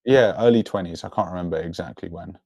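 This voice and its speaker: A man's voice: low-pitched, fast talker, a little mellow, no room sound, studio quality. A young man speaking as an interview guest in an earnest, introspective way about his own life. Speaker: podcast guest. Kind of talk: personal, reflective interview talk.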